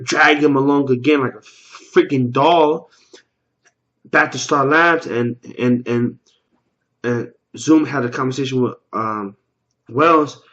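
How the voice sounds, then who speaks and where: Male vlogger, mid pitch, loose slangy rambler who stumbles and repeats; muffled lo-fi home mic. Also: a bit bright. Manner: loose and slangy, swears casually. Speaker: TV episode reaction vlogger. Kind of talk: casual spoken episode recap.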